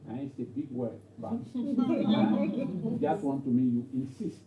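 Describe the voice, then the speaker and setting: A man's voice: fairly high pitch, very animated, takes it slowly, over a noisy crowd. A man teaching an English grammar class, repeating points and checking with "okay?". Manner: repetitive, checks understanding with "okay?". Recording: roomy, distant, dull lo-fi, faint noise.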